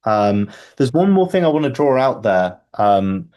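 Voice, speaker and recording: A man hosting a book club call, thinking out loud, repeating words and restarting his sentences often. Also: medium pitch, sing-song, a little slow. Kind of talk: casual group video call.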